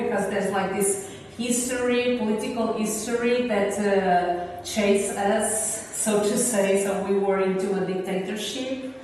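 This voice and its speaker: A woman with a native Portuguese speaker's accent answers interview questions in an informal, reflective way. Her mid-pitched voice comes from some distance, with strong echo around it. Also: a little mellow. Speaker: visual and performance artist being interviewed. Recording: echoey hall, distant mic, faint noise.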